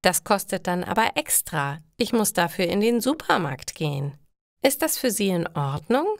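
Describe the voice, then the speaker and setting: A woman's voice: fairly low pitch, very animated, moderate pace, vocal fry, dry recording, studio quality. A woman voicing a polite young woman taking pizza orders, speaking in an accommodating way.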